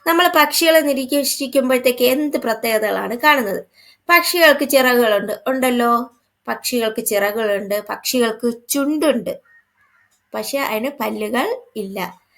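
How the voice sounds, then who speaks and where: A woman's voice: a little high, normal speed, fairly bright tone. A woman teacher, patiently explaining a first-grade workbook lesson. She asks questions and then answers them herself.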